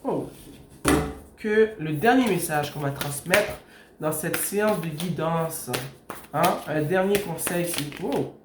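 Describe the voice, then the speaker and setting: A woman doing a casual tarot reading, talking straight to the viewer and softly calling on the universe for messages. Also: sits low, a little slow. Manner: speaks straight to the viewer, calls on the universe in soft pleas. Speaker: tarot card reader. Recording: echoey room with steady background noise.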